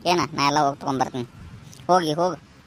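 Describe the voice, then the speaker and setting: A man with a North Karnataka Kannada accent voicing a gruff, dismissive village father who talks curtly in a cartoon. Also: on the high side, fast talker, slight background noise, natural voice. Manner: brushes off with curt "le" calls. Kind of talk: cartoon voice acting.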